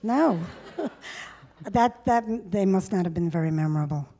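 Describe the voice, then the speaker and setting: Mellow-voiced woman telling stories. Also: mid-range voice, lively intonation, a little slow. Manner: chatty, reminiscing, laughs often. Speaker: music journalist, guest. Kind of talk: onstage conversation. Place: stage before a live audience.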